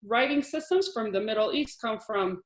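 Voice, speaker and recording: An Israeli woman in her thirties teaches Hebrew in a chatty online lesson over a video call from a room at home, using shared slides and explaining with frequent restarts and small laughs. Her voice is on the high side and animated at a normal speed, and the video call audio sounds echoey.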